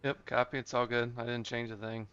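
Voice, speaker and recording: A man's voice: medium pitch, flat delivery, a little fast, fairly bright tone, smooth. A man, a sim racing driver, answering his team in terse, clipped replies over team radio. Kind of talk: casual team chat. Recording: dull lo-fi radio voice.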